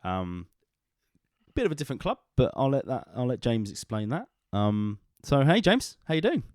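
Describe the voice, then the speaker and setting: A man's voice: medium pitch, very animated, normal speed, darkish tone, no echo, studio quality. A man co-hosting a podcast, introducing a segment in a playful, slightly disorganised, joking way. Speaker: podcast co-host.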